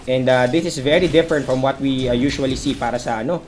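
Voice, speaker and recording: A man with a Filipino accent calling an esports match, swinging from calm analysis to excited shouts and voicing the players' lines. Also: mid-range voice, quick pace. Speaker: esports commentator. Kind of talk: play-by-play game commentary.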